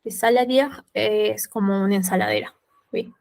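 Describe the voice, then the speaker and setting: A woman's voice: medium pitch, vocal fry, darkish tone. Woman teacher, patient French lesson. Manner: slow and patient, repeating each French word and then its Spanish meaning. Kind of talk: online class, explaining vocabulary.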